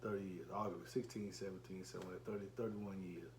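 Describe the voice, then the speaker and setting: Speaking a little fast in a low, steady, darkish voice, a car audio reviewer and enclosure builder in his 40s chats through an unboxing video. He rambles, repeating and correcting himself often, in an echoey room with faint background noise.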